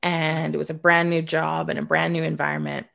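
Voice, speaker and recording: A Canadian woman of about thirty speaks as an interview guest, frank and reflective. She loops back to restart her thoughts and slips in a dry sarcastic aside. Her voice sits a bit low with a lot of vocal fry. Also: little pitch movement, fairly quick, a bit bright. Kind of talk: candid conversational storytelling.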